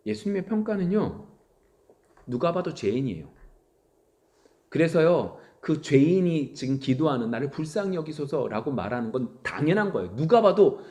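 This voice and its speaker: A middle-aged man preaching a sermon as pastor, swinging from loud exclaiming to hushed whispers. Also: fairly high pitch. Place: church sanctuary.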